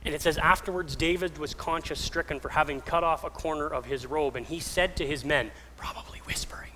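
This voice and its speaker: A man preaching a sermon, telling the story with lively acted-out voices, from soft whispers to raised passages. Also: fairly high pitch, brisk. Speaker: pastor. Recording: reverberant hall with faint ambient noise.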